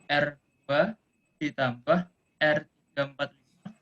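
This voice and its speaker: A man's voice: a little high, slow, muffled recording. A man, a student, working through circuit calculations aloud in an online class, hesitating and correcting himself, his voice choppy and faint as the call audio breaks up. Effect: choppy, faint audio breaking up over an online call. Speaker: student presenting homework.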